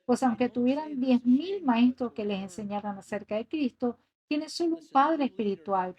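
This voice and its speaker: A woman's voice: fairly high pitch, a little mellow, breathy edge, muffled recording. A woman giving an earnest voice-over translation of a sermon, reading scripture passages aloud. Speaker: sermon interpreter.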